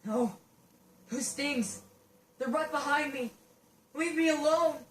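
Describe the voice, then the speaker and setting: A terrified young boy lost in a ruined wasteland, played by a woman, pleading for help in a raised, high voice. His panicky pleas come from a short way off the mic in a roomy space. A faint hiss sits under the game sound. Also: takes it slowly, recorded from a distance. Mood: frightened.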